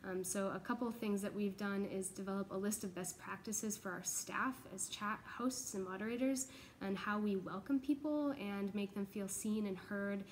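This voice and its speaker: This informal church video update comes from a young American woman, a pastoral associate, who explains things earnestly. She talks at a normal speed in a mid-range voice. The large open office, with its exposed ductwork, adds slight background noise.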